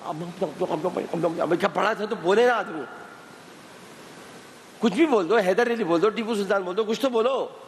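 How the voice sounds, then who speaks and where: A man's voice: high voice, moderate pace, pauses often. A man hosting a televised quiz, teasing and pressing contestants for answers with impatient repeated prompts. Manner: impatient, needling, repeats commands. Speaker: quiz show host. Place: TV studio with live contestants. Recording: long studio reverb, faint hiss.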